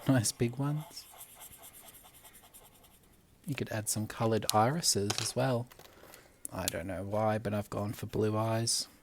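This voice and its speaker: Slow, gentle teacher man. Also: fairly low pitch, steady tone, a little hiss or hum. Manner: gentle, unhurried, talks while drawing. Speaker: primary school teacher. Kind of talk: drawing tutorial for children. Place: classroom at school.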